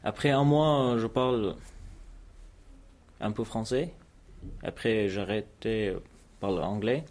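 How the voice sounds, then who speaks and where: A man's voice: lowish voice, slow pace, long pauses, darkish tone. A man who is a non-native speaker, answering informally in broken French with short, simple phrases and learner's mistakes. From abroad, newly arrived in France. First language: a language other than French. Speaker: student in a French class for newcomers. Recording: noisy interview recording.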